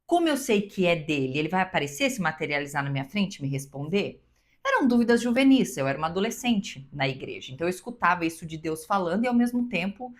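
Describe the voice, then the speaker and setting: A woman with a Brazilian Portuguese accent giving an earnest, emphatic devotional teaching that speaks straight to the listener. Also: mid-range voice. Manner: earnest, emphatic, with repetitions and direct address.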